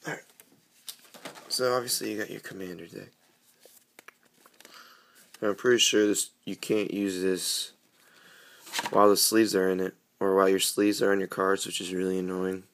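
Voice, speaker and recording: A man's voice: deep voice, level tone, normal speed, long pauses, fairly bright tone, slight background noise. A young man with a cold, his voice sounding grating, chatting casually and rambling with lots of fillers as he unboxes cards at home on a camera mic. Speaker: card game vlogger.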